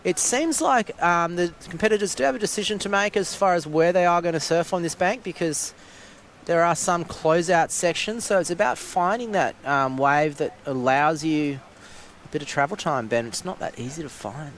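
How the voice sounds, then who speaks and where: A man giving live commentary on a surf contest, relaxed and loose with fillers. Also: a little high, moderate pace, slight background noise.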